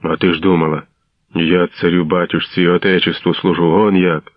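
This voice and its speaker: A coarse, bullying mustached gendarme, as a male narrator puts him on, barking and sneering in a loud, rough voice. The deep-voiced reading sounds dry and dull, like an old radio drama recording. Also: flat delivery, a little fast, dry recording. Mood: mocking. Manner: rude, mocking, barking.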